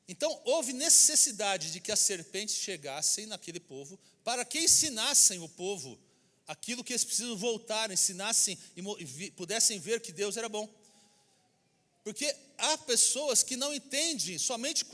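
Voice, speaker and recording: A church pastor with a Brazilian Portuguese accent gives an emphatic sermon, performing the voices of those he quotes. His voice sits high and sounds pushed and bright. The recording, made in the sanctuary, carries a church hall's long reverb.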